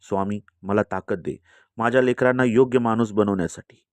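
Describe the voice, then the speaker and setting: A man voicing an elderly beggar mother, speaking softly and prayerfully. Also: fairly low pitch, steady tone, normal speed, clear, resonant tone, no echo, close to an everyday voice.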